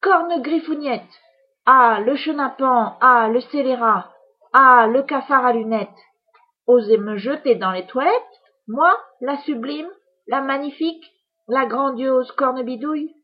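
Woman doing Cornebidouille: a loud, boastful storybook witch, raised pitch, husky edge, dull recording. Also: a little slow. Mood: furious. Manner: theatrical, shouting insults with relish. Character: boastful furious female witch, grandiose and spiteful. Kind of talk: storybook reading.

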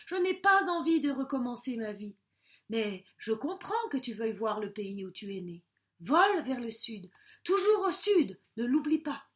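Woman reading as an anxious father bird, fairly high, pleading. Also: lively intonation, moderate pace, lightly acted. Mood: worried. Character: cautious caring father bird.

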